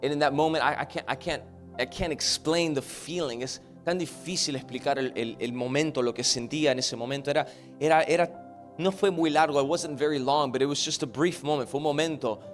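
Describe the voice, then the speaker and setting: A pastor gives a bilingual sermon, saying each line once in English and once in Spanish, his slightly high voice over quiet music. He preaches loudly at first, then turns quiet and halting while telling a personal story, hesitating and repeating words as he searches for them.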